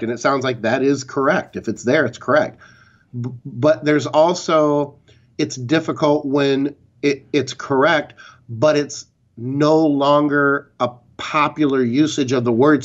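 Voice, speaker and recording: A man's voice: fairly high pitch, unhurried, muffled recording. A man co-hosting a fitness podcast, chatting casually and giving opinionated, rambling explanations with some swearing. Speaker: podcast co-host. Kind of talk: casual chat.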